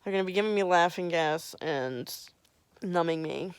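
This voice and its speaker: A woman's voice: lowish voice, moderate pace, clean tone, dry recording. A young woman vlogging in a casual, personal way, nervous ahead of surgery. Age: young adult. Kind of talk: casual chat.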